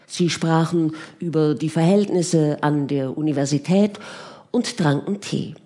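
A woman narrates a novel in a calm, measured audiobook reading. She reads very slowly. Her voice sits on the low side. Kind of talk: scripted narration.

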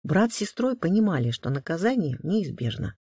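A man narrating an audiobook with expressive storytelling. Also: sits high, moderate pace, slightly rough, no echo, clean studio sound.

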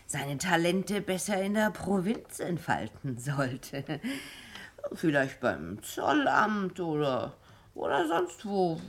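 An actress playing a tipsy, dramatic middle-aged wife who talks theatrically and keeps repeating herself in an old radio play. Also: female voice, low-pitched, fairly bright tone. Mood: chatty, tipsy. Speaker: Mrs Micawber. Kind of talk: 1950s radio play acting.

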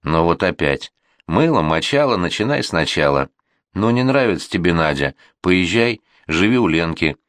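A man's voice: deep voice, very animated, normal speed, a bit bright, no echo, studio quality. A man voicing an exasperated middle-aged father in an audiobook reading, talking with tired, firm insistence. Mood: irritated.

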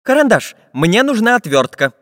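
A man voicing an eager, quick young magic artist in a bright, raised voice. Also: high voice, big pitch swings, dry recording, clean studio sound, long reverb tail, pitched above the performer's own voice. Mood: helpful.

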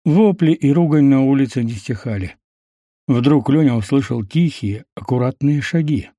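A man's voice: mid-range voice, no echo. Man narrating an audiobook, dry close sound. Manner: steady, measured storytelling.

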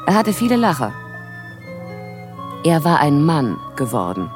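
An actress voicing a haunted young prophetess in a radio play, narrating in the first person with intense delivery that sinks into whispers. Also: female voice, deep voice, very animated, measured pace, music in the background. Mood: brooding.

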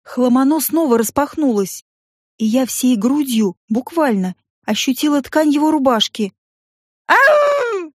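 A woman narrates a first-person story with a wry, ironic liveliness. Her voice sits a little higher than most. The recording is dry and close to the mic. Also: moderate pace, warm tone, breathy edge, dry recording. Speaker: audiobook narrator.

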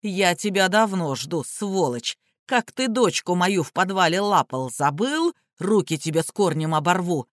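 A woman's voice: lowish voice, expressive, a little slow, hardly any pauses, dry recording, studio quality. A woman voicing a furious young man who bellows threats while posing as an enraged father. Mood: raging.

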